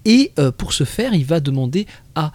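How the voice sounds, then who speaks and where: Husky-voiced male radio host. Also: fairly high pitch, big pitch swings, normal speed, a little mellow, no room sound. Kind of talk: radio presenting.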